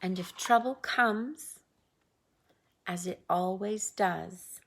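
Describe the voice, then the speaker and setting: Lady doing a storybook read-aloud, real slow n expressive, bit husky and breathy. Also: mid-range voice. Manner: expressive, with drawn-out phrases and sound words. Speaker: storybook reader. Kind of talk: picture-book read-aloud with casual asides.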